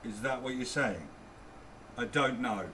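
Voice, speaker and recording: A man's voice: medium pitch, a little slow, noisy background. An older man giving casual reaction commentary in the sardonic manner of a grumpy old man. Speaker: reaction video host.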